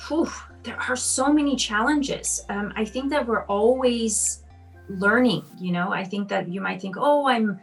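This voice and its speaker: A woman's voice: a little high, measured pace, gravelly, poor audio. A woman in her thirties who grew up in Austria, a piano teacher answering children's interview questions in a chatty, encouraging way with many ums and you-knows. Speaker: piano teacher and competition judge.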